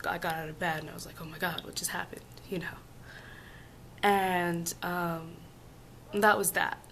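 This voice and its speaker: A woman vlogging casually about personal experiences in a halting way, hoarse and sick, her voice giving out into whispers. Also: lowish voice, a bit bright, a little hiss or hum, low-quality recording. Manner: halting, hesitant, with long pauses. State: sick with flu and laryngitis. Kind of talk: casual personal storytelling to camera.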